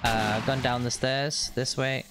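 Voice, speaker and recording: A man's voice: mid-range voice, flat delivery, measured pace, heavy background noise. A man hosting a gaming channel, chatting upbeat and thinking aloud as he plays a co-op game. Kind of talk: co-op gameplay commentary. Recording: game sound and gunfire behind the voice.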